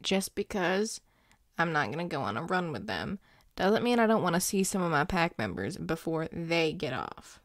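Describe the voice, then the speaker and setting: A woman voices a grumpy, devoted young werewolf boyfriend for an intimate audio roleplay, speaking straight to a loved one in a halting, gruff but tender way. Her voice is lowish, gravelly and a bit sing-song, the recording very dry, and the mood is teasing and gruff.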